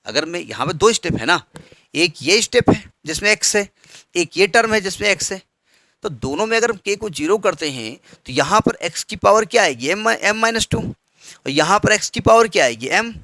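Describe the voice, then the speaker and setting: A man's voice: high-pitched, lively intonation, normal speed, pushed and bright, no room sound. A man teaching a maths lesson step by step, patiently asking students questions as he works. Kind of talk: blackboard maths lecture.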